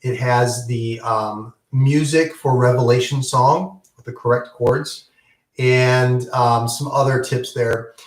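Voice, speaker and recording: A man's voice: mid-range voice, steady tone, takes it slowly, roomy sound. A man teaching an online guitar lesson in a casual, encouraging way, with many ums and okays. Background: guitar playing.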